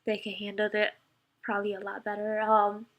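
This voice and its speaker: A young woman vlogger telling a painful personal story to camera, halting with many fillers and emotional at times. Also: medium pitch, monotone, fairly bright tone, lo-fi sound.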